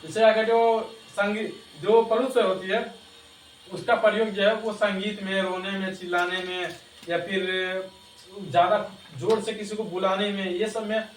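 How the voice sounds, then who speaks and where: A man teaching a grammar lesson step by step, pausing to check with his students and laughing at himself now and then. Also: high-pitched, little pitch movement. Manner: explains step by step, repeats "ठीक ना", laughs at himself. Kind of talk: classroom lesson explaining to students. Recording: echoey room, distant mic, faint noise.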